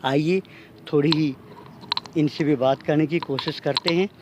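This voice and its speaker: A man's voice: fairly high pitch, steady tone, unhurried, noisy background. A man hosting an on-location vlog and eagerly talking to his viewers. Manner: eager, addresses viewers directly. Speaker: vlogger host. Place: outdoors at a fire-ritual site.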